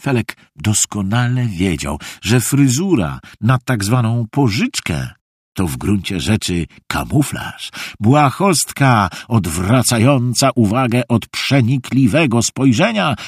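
Husky man telling a story slowly. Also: on the low side, dry recording, clean studio sound. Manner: expressive, unhurried storytelling. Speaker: narrator. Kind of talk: audiobook narration.

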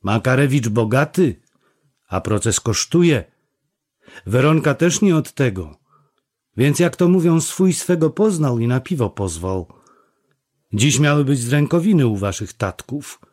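A man's voice: mid-range voice, lively intonation, unhurried, a little mellow, voice pushed up. Man putting on a scornful young village girl. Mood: mocking. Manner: mocking, scolding. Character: scornful young village woman, sharp-tongued and proud.

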